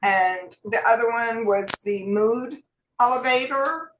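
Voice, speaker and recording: A woman's voice: on the high side, takes it slowly, a little hiss or hum. Chatty woman, echoey room. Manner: chatty and folksy, addressing viewers directly. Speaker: co-host sharing wellness tips. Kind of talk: casual chat.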